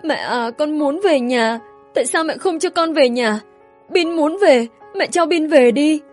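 A woman's voice: sits high, a little slow, a little mellow, soft background music, voice pushed up. A woman voicing a small boy who is crying and begging to go home to his mother. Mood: sobbing, pleading. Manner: tearful, pleading.

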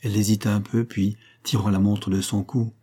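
Low, husky male audiobook narrator. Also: little pitch movement, moderate pace, warm tone. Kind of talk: scripted literary narration.

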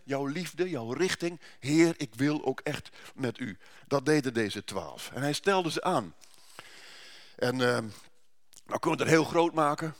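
A man's voice: mid-range voice, fairly bright tone. A male pastor giving a sermon at a church service, conversational, with rhetorical questions and frequent restarts.

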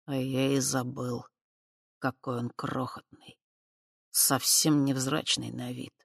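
An audiobook narrator voicing a mocking, soft-spoken male half-spirit prince who drawls his threats slowly in a dry, close recording. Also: medium pitch, fairly even intonation, gravelly, no echo. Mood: quiet menace. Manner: soft, slow, silky and menacing.

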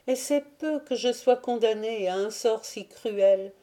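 A woman voicing a despairing young noblewoman in a soft, mournful lament, in an audiobook reading. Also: mid-range voice, measured pace, natural voice.

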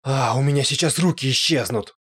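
A man's voice: medium pitch, brisk, fairly bright tone, husky, pitched above the performer's own voice. A man voicing a gloating, spiteful male ghost in an audiobook, with a raised, strained, taunting voice. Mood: angry.

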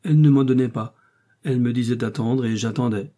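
Man voicing a frightened middle-aged mercer, pleading, anxious, husky, mellow. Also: medium pitch, fairly quick, natural voice. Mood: timid.

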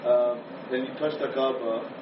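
A man's voice: medium pitch, steady tone, normal speed, crowd noise. A man in an audience asking informal questions in a hesitant way. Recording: distant, echoey, very noisy, muffled audience pickup.

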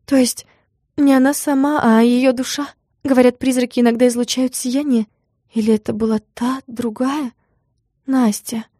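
Woman putting on a squeaky excitable girl, shrill and jumpy, dry audiobook sound. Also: normal speed, no echo, close to an everyday voice. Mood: musing. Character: shrill panicky young woman, believes in ghosts.

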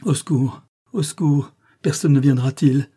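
A man's voice: mid-range voice, unhurried, mellow, slightly rough, pitched above the performer's own voice. A man reading a storybook, voicing a half-smothered man pleading for help in desperation. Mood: desperate.

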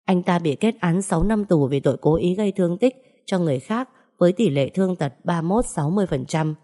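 Woman reading out an audio drama story, low voice, mellow and even. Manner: steady, measured storytelling. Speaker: narrator. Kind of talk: scripted audio story narration.

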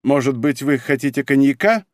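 A man voicing a shrill, jealous older German professor in an audiobook, squealing and high-strung. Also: lively intonation, normal speed, no echo, clean studio sound, lightly acted. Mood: subdued. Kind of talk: audiobook character reading.

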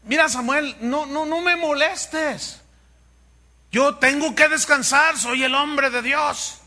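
A man's voice: very high-pitched, slow, sharp tone, voice pushed up, full character voice. A man voicing a sleepy, grumpy old male priest who scolds a boy for waking him.

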